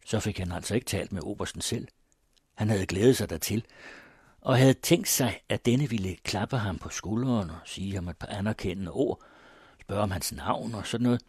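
A man reads a story aloud in a measured, even voice. His tone is lowish and husky. It is recorded close and dry. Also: no room sound. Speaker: audiobook narrator. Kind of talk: scripted narration.

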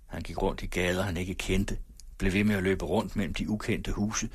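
A man narrating a story in a calm, measured way. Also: low voice, breathy edge, no room sound.

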